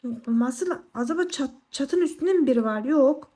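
A young woman chatting casually to viewers while playing a game, excitable and quick to exclaim. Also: high-pitched. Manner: excitable, exclaims and squeals often. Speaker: gaming vlogger. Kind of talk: casual gameplay commentary.

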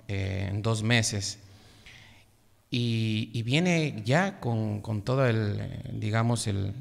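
Gravelly teacher in a reverberant studio. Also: male voice, fairly low pitch. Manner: measured, professorial, many hesitations. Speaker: language teacher, guest. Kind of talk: explanatory radio interview. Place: radio studio.

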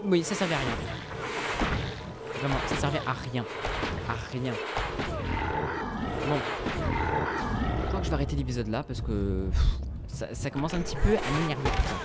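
A man's voice: medium pitch, moderate pace, pauses often, heavy background noise. A young man commentating his own gameplay, complaining and swearing in a theatrical, exasperated way. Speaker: gamer commentating his play. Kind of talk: let's play commentary. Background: game music.

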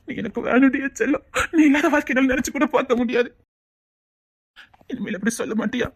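A woman's voice: sits high, a little fast. A woman with a Tirunelveli Tamil accent voicing a desperate, devoted husband who stammers out reassurances as he pleads. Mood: pleading, desperate. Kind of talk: tearful melodrama.

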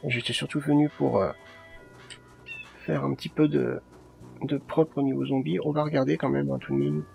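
Gravelly Frenchman commenting on a game. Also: medium pitch, level tone, normal speed, darkish tone, faint music behind. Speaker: let's play streamer.

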